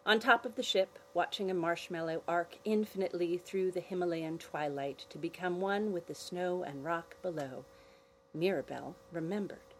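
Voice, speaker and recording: A woman hosting a family podcast, narrating a children's adventure story with expressive storytelling. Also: lowish voice, moderate pace, a little hiss or hum, low-quality recording.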